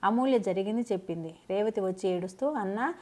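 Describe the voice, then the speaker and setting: A woman narrating a scripted family drama in a steady, dramatic storytelling manner. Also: mid-range voice, moderate pace.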